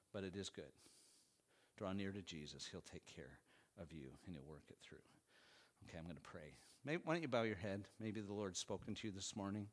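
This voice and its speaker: A male pastor delivers a sermon in a fairly low voice. He is earnest and heartfelt, pressing hard on key lines, then letting his voice sink soft and quiet.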